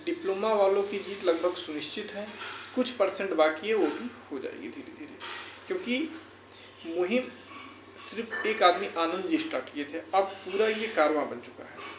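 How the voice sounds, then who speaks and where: Speaking at normal speed in a high, expressive voice, a male YouTuber and educator encourages viewers earnestly, repeating phrases for emphasis. The motivational talk is recorded in an echoey room with faint background noise.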